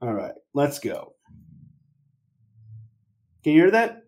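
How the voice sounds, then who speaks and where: A man's voice: on the high side, huge pitch swings, slow, a little mellow. A man hosting a podcast, chatting casually in a laid-back, slightly hesitant way. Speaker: podcast host. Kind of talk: casual chat.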